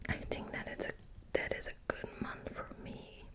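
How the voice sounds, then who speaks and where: Hosting her ASMR book channel, a young woman from Belgium whispers in a soft, tentative way, her Dutch accent clear and small fillers frequent. She speaks at a moderate pace.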